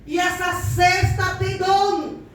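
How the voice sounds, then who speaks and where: A woman's voice: extremely high pitch, level tone, takes it slowly. A woman pastor preaching an emphatic, fervent sermon with testimony in a church. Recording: echoey church hall from far off, noisy.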